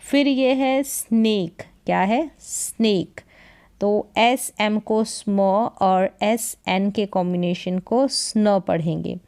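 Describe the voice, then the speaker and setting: A woman's voice: medium pitch, slow pace, darkish tone, clean tone. A woman teaching English reading, sounding out words syllable by syllable and asking and answering her own questions. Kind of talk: slow phonics lesson.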